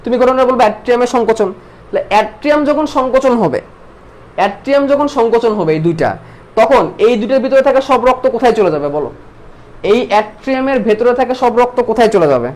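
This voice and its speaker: A man teaches a biology class online. His voice sits high and his delivery is quick. He fires questions at his students, repeats them several times, and then answers them himself. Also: lively intonation.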